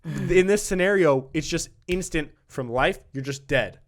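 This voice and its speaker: Slangy young man with a higher-pitched voice. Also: unhurried. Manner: slangy, rambling, hedging with "like" and "dude". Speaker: podcast host. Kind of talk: casual podcast banter.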